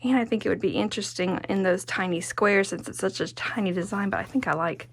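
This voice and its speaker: A woman's voice: mid-range voice, a little fast, creaky, husky, no echo. A woman giving a casual hands-on craft tutorial as the instructor, chatty and musing, often talking to herself as she goes. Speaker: quilting instructor and host.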